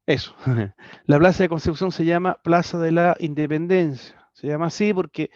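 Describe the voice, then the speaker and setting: Over a video call, a Chilean-accented man teaches history in a chatty way, often tacking on tag questions and restarting sentences. He speaks at normal speed in a slightly high, somewhat mellow voice. His computer mic gives dry, slightly dull audio with no room sound.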